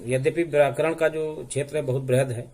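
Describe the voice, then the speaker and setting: Slow, deliberate male grammar teacher. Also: a little high, steady tone, a little mellow. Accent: Hindi. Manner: slow, deliberate, spells out sounds. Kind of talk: classroom grammar lesson.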